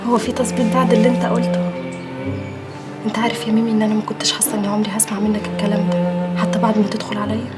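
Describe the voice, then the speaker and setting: A sweet young Egyptian bride, voiced by an actress, murmuring quickly and tenderly. Loud music plays beneath her. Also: mid-range voice, fairly even intonation, natural voice. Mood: adoring.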